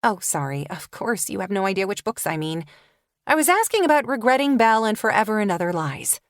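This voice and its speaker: A woman's voice: mid-range voice, big pitch swings, fairly quick, no room sound, clean studio sound, natural voice. A woman narrator voicing an eager, flustered young woman book dealer in an audiobook. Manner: eager, breathless.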